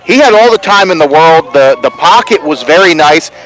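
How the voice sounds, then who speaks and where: A man giving live high school football commentary as an analyst, explaining plays in a conversational way outdoors at a stadium. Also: animated, moderate pace, fairly bright tone, poor audio.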